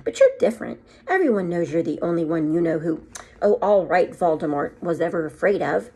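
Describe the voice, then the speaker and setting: Woman acting stern, agitated witch professor, swooping pitch. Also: sing-song, a little fast, mellow, slightly rough, heavily acted. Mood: impatient, indignant. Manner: emphatic, indignant.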